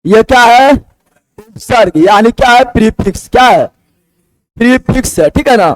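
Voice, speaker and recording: A man's voice: extremely high pitch, expressive, normal speed, dry recording, rough recording. A man teaching a class, asking the same question again and again and answering it himself. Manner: drilling students with repeated questions. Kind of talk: classroom lecture.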